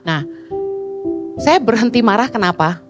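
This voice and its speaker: A middle-aged woman pastor delivers an animated sermon, slipping into high voices to act out the people she quotes. Her voice sits a little high. Instrumental music plays clearly behind her. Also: unhurried.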